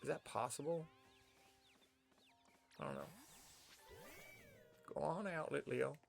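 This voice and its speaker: A young American streamer with a General American accent rambles casually to himself during gameplay. His voice sits on the high side, sing-song and creaky, at a slow pace, with faint music behind.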